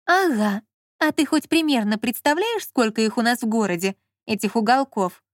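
Бойкая насмешливая молодая женщина, которую озвучивает чтица звонко и напористо отчитывает собеседника, голос заметно выше и громче обычного. Запись сухая, без эха. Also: female voice, fairly high pitch, animated, normal speed, no echo, clean studio sound, close to an everyday voice. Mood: mocking. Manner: mocking, emphatic. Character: bossy sharp-tongued young woman, fussing.

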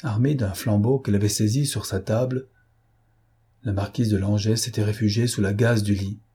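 A man narrating a novel as an audiobook in a measured, steady way. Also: on the low side, slightly rough.

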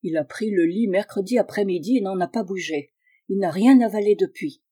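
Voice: mid-range voice, brisk, dark tone, breathy edge, lightly acted. Un lecteur qui fait parler une vieille logeuse inquiète, d'un ton pressant et suppliant. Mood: urgent. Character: worried elderly landlady, anxious.

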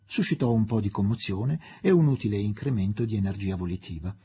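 A man reading a novel aloud for radio with expressive storytelling. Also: lowish voice, a little fast, husky. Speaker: narrator.

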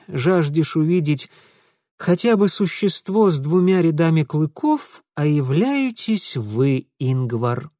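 A man's voice: fairly high pitch, warm tone, no echo, pitched above the performer's own voice. A man voicing a tired, ironic young nobleman who drawls dry, mocking remarks in an audiobook.

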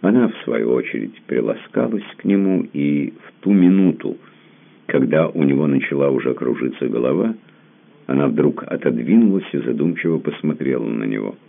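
Very deep, gravelly male story reader. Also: lively intonation, moderate pace. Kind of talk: story reading. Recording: tinny phone-like sound.

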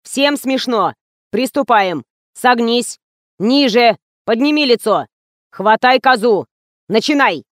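A woman voicing a hot-tempered male TV director who barks orders and yells at his crew, in a storybook reading. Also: fairly high pitch, animated, no room sound, clean studio sound, close to an everyday voice. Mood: commanding. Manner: yelling, bossy, quick-tempered.

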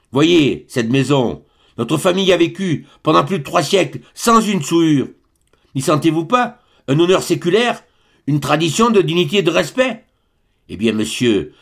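Old aristocratic baron, stern and proud, imperious and indignant; male narrator puts him on, pitched up with a gravelly edge. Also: full character voice. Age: older.

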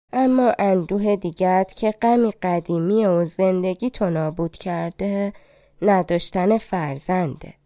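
Woman reading as an old fairy fortune-teller, storybook, coaxing, mysterious, warm mellow voice, dry recording. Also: lowish voice, no room sound, close to an everyday voice. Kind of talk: audiobook fairy tale reading.

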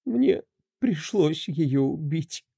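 A man's voice: on the high side, slow, vocal fry, dark tone, no echo, clean studio sound, voice pushed up, heavily acted. A man voicing a distraught woman who confesses to a killing through tears, her voice trembling. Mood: tearful. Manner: trembling, tearful pleading.

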